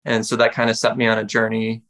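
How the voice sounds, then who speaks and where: A young man from Wisconsin, a musician guest speaking in a relaxed, reflective way. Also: fairly low pitch, quick pace. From Wisconsin, United States. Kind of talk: casual interview talk.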